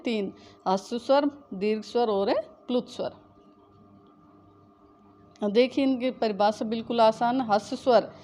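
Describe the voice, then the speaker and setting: A woman's voice: fairly high pitch, a little mellow. A woman teaching Hindi grammar, who asks the class questions and answers them herself, repeating the key terms. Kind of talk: classroom lesson.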